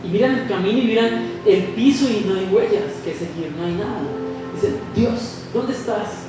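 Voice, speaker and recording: A young man with a Colombian Spanish accent preaching a sermon, animated, acting out the voices of people in his stories. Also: sits high, fairly quick, music in the background. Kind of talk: sermon with storytelling. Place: church hall. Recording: echoey hall from far off.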